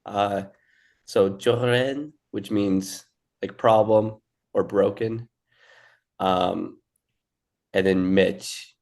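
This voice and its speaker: A young man teaching a language in a relaxed, casual way, with filler words and restarts. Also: fairly low pitch, extremely slow, vocal fry, pauses often. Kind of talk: casual lesson.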